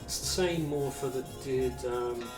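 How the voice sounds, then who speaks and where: A man's voice: medium pitch, unhurried, distant mic. A man, chatting and laughing often as a podcast co-host. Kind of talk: casual chat reacting to music. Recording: echoey room, mic set back, music playing.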